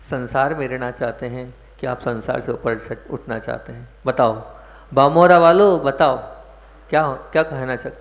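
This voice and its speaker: Male monk preaching in an echoing hall. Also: mid-range voice. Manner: questions the listeners and stresses words for emphasis. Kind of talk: sermon. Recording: dull echoey hall recording.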